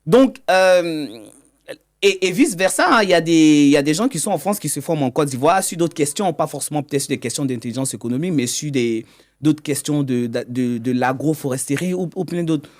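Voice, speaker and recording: A man's voice: on the high side, animated, a little fast. A man, a guest in an interview, explaining his work as an economic intelligence consultant. He often stumbles and repeats words mid-sentence.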